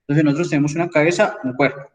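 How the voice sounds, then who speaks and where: A man's voice: on the high side, fairly even intonation, racing, far from the mic, rough recording. A man lecturing an engineering class online, explaining step by step and checking in with his students as he goes. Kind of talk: online class with screen sharing.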